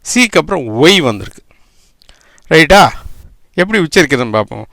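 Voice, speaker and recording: A man's voice: on the high side, sing-song, a little fast, gravelly, bright, forceful tone, no echo, clean studio sound. A man teaching English spelling and pronunciation, spelling words out letter by letter and often checking with "right?".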